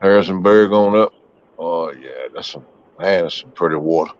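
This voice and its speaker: A man's voice: sits low, moderate pace. A middle-aged man, casually chatting with his livestream viewers in a rambling, folksy way. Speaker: livestream host. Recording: muffled, dry.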